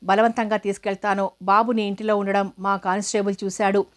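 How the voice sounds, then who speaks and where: A woman's voice: mid-range voice, little pitch movement, brisk, lightly acted. A woman reading the lines of a stern, impatient scheming woman in a storybook reading.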